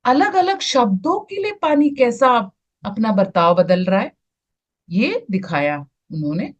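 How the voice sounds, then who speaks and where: An Indian woman, a spiritual teacher, explaining to an online group, slow and searching for words as she shares her screen. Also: on the high side, sing-song, highs cut off.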